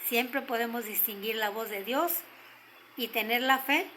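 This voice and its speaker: An older woman with a Mexican accent telling a story gently, slowing down to stress key moments. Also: fairly high pitch, a little hiss or hum, rough recording. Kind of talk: told story.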